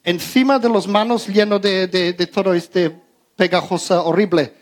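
A man with a high-sitting, steady voice and moderate pace casually tells his audience a funny anecdote. He stumbles over his words, restarts often and laughs as he goes, using many fillers and repeated words.

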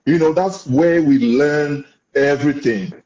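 A man's voice: a little high, unhurried, a little mellow, slight background noise. A man hosting a casual online interview, speaking in an encouraging, complimentary way. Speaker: host of a business interview show. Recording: muffled audio in an echoey room.

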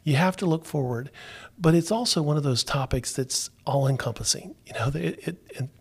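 A man from Florida hosting a business podcast, talking in an unhurried way with many fillers and restarts. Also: fairly high pitch, gravelly, breathy edge. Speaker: podcast host. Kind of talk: casual talk-show chat.

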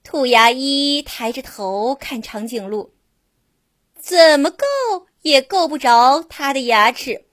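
A woman narrating a children's story slowly and expressively, speaking to a child. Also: sits high, dry recording, clean studio sound. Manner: slow and expressive, addressing a child.

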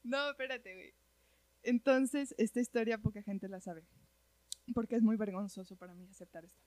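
A woman with a Mexican accent telling a personal story in casual chat, animated and slangy, peppering her talk with "güey". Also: on the high side, moderate pace, no room sound.

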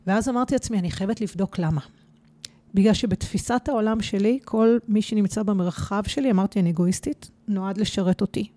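A woman, a podcast guest, telling a personal story with animated emphasis. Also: mid-range voice, no room sound.

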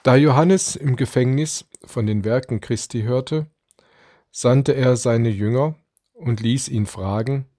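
Male preacher, unhurried scripted devotional reading, dry booth-like sound. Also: mid-range voice, dark tone, no echo. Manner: slow, deliberate reading with dramatic quoted lines. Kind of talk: read Advent devotion.

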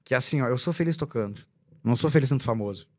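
A man, a musician guest in a casual chat, talking in an animated, slangy, emphatic way. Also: mid-range voice, very fast.

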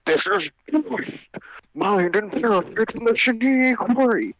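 A man's voice: very high-pitched, animated, unhurried, vocal fry, crowd noise, exaggerated voice. A man voicing a haughty rich teenage girl who lectures in a snooty tone. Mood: scolding. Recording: dull lo-fi mic.

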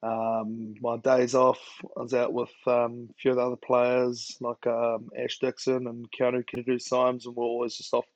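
A man's voice: medium pitch, completely flat delivery, moderate pace, few pauses, no echo, highs cut off. A young man with a broad New Zealand accent chatting casually as an interview guest, laid-back and slangy. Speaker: rugby player guest.

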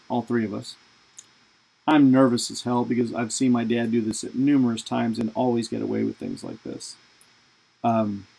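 Raspy, gravelly man telling a story. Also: mid-range voice, warm tone, low-quality recording. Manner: casual, rambling, lots of fillers. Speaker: podcast host. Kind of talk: storytelling monologue.

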